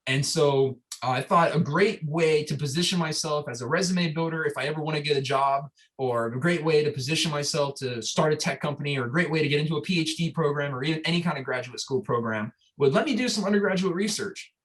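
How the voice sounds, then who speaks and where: A man's voice: a little high, quick pace, hardly any pauses, fairly bright tone. A young man from Florida, a startup founder, telling his story in a casual interview, enthusiastic and rambling with lots of fillers and restarts.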